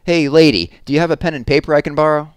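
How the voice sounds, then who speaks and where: A man's voice: on the high side, fast talker, smooth, dry recording, studio quality, voice pushed up, close to an everyday voice. A man reading aloud, voicing an earnest, pleading teenage boy with a raised, eager voice.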